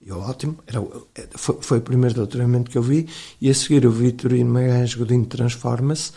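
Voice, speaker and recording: A man's voice: medium pitch, fast, vocal fry, mellow. An older man with a European Portuguese accent, a historian telling rambling anecdotes in an interview, with frequent hesitations and restarts. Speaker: historian guest. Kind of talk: conversational interview storytelling.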